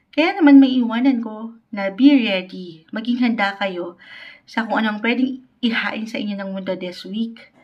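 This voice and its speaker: A woman's voice: mid-range voice, dull audio. A woman giving a weekly tarot reading on a livestream. She mixes Tagalog and English, speaks politely, and keeps checking in with "okay?". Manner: polite, uses "po" often. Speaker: tarot reader.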